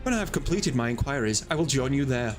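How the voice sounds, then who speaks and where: A posh, earnest young scholar, read aloud by a man streaming a game, formal and measured. His voice sits at an everyday middle pitch. Faint music plays underneath. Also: expressive, close to an everyday voice. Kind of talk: reading game dialogue aloud.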